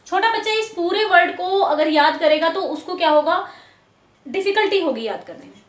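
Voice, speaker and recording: Woman teacher, high voice, patient explaining, slow repeated words, roomy echo. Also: animated. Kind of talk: explaining lesson to parents.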